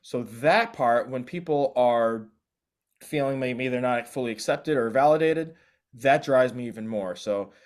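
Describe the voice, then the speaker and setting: A man's voice: medium pitch, unhurried. A man, a DJ guest speaking earnestly and reflectively, often restarting his phrases. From South Korea. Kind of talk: casual interview chat.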